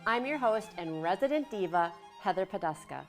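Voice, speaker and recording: A woman's voice: mid-range voice, animated, normal speed, over music. A woman hosting a community TV talk show, reading an upbeat introduction and then chatting with her guest. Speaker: show host. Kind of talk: community TV interview.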